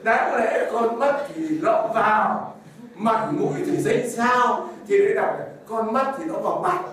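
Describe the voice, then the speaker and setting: High-voiced man preaching in an echoey hall. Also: a little slow, crowd noise. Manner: animated storytelling, chuckles often. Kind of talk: informal sermon with anecdotes. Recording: very echoey room, distant mic, faint noise.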